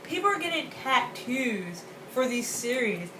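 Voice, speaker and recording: A young woman co-hosting a casual rant, talking in a quick, excitable, exaggerated way. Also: high voice. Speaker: co-host. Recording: roomy, distant, noisy home recording.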